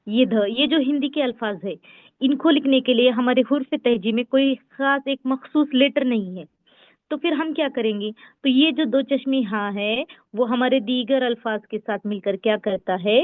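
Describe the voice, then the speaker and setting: A woman's voice: on the high side, dry recording. Woman teaching letters over a tinny call. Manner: patient, repeats sounds slowly and clearly. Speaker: Urdu teacher. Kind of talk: online class teaching letters. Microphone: online class call. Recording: tinny phone-like call audio.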